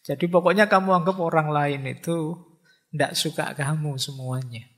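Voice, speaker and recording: A man's voice: a little high, fairly even intonation, moderate pace, a bit bright. A man giving an informal philosophy and religious study lecture to an audience, acting out people's inner voices as he teaches. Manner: informal teaching, Javanese-flavored asides, acts out inner voices.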